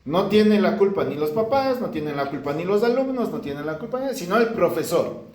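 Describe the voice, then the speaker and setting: A male pastor delivering a lively sermon to his congregation, acting out pleading prayers as he preaches. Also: high-pitched, fairly quick. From Ecuador. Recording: echoey church room.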